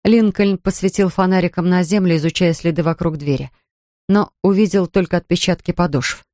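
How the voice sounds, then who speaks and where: An audiobook narrator reading a suspense novel in a measured, even way. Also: medium pitch, no room sound, studio quality. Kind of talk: scripted narration of a thriller.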